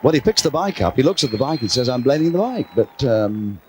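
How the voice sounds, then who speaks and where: A man commentating live on a team game show, excitable and playful, breaking into quoted verse. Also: medium pitch, fairly quick, slight background noise. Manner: excitable, quoting verse, mock French asides. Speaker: TV sports commentator.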